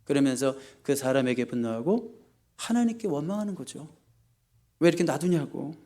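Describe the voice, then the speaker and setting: A male pastor preaching in church, asking the congregation questions and answering them himself, with sharp rises for emphasis. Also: on the high side, lively intonation, moderate pace. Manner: emphatic, often rising sharply for stress. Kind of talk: sermon. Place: church sanctuary.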